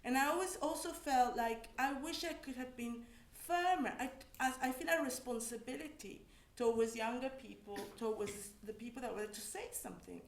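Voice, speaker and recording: A Mexican academic on a panel offers personal testimony, pausing and restarting a lot as she reflects. Her voice is a little high, and slight background noise accompanies the echo of the room.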